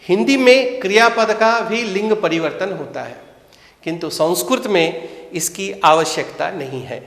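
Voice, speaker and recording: Man, Sanskrit teacher, careful deliberate delivery, somewhat high pitch, roomy long reverb. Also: fairly bright tone. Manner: enunciating each word carefully, pausing between phrases. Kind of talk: slow, deliberate language lesson with repeat-after-me drills. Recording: echoey room with long reverb.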